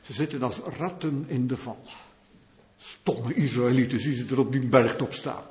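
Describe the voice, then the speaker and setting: A man's voice: medium pitch, normal speed, darkish tone, voice pushed down, close to an everyday voice. A man doing a gloating, scornful war commander.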